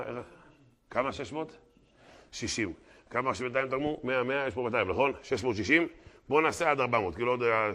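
Bright-voiced rabbi teaching with dramatic outbursts. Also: male voice, medium pitch. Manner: dramatic, bursts into loud exclamations; brisk auctioneer-like fundraising patter. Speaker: rabbi teaching a Torah class. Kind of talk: animated Torah lesson. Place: class hall with a live audience.

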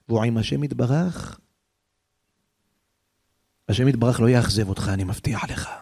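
A man's voice: mid-range voice, darkish tone. A man preaching a sermon, telling a story with dramatic emotion, his voice rising as the feeling grows.

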